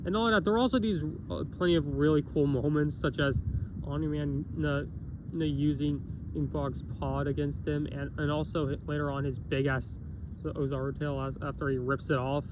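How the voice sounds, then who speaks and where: A man with a fairly high, nasal voice and a cough rambles through a casual review, constantly restarting and correcting himself. His intonation is fairly even and his speed normal, while street noise and passing vehicles fill the background.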